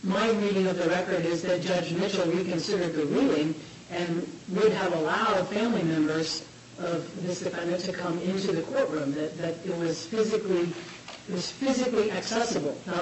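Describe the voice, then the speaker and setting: A man's voice: high voice, brisk, a loud crowd. A man speaking as an appellate judge, questioning counsel during a hearing. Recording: echoey distant courtroom, audible people around.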